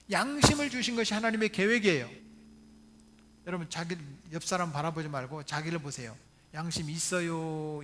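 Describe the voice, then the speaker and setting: Brief: male pastor, high voice, lively Sunday sermon, engages the congregation with questions and jokes. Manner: preaches with questions to the congregation and humorous asides; retells stories with acted quotes. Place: church, Sunday service video.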